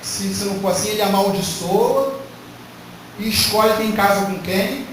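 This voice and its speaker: A man with a fairly high voice preaches emphatically, firing rhetorical questions at his congregation. He is picked up from a distance, so the voice sounds set back from the mic. His words ring through a very echoey hall over a faint hiss. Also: measured pace, fairly bright tone. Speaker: pastor. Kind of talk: sermon. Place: church hall.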